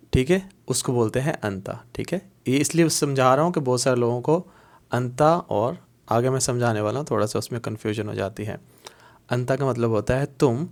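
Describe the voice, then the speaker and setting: A man giving a video lesson, explaining patiently and saying each phrase twice or three times so learners can follow. His voice sits at an ordinary middle pitch. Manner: patient, repeats words slowly for learners. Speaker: Arabic teacher.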